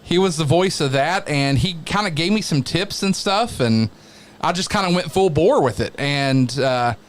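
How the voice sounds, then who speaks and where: A man who works as a wrestling announcer, chatting casually as an interview guest in a halting, reflective way. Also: fairly high pitch, lively intonation.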